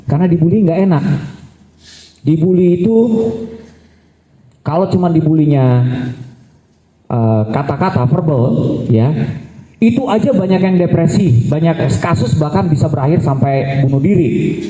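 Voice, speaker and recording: A man's voice: on the high side, expressive, moderate pace, long pauses, dark tone, reverberant, muffled recording. A middle-aged man giving a parenting seminar, slipping English phrases into his talk and acting out what he says to his children. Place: school hall.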